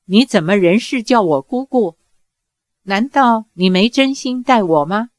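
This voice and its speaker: A woman voicing a young swordswoman mistress in an audiobook, soft, tremulous and reproachful. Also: mid-range voice, lively intonation, a little slow, dry recording, clean studio sound, close to an everyday voice. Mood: anguished. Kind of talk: audiobook character reading.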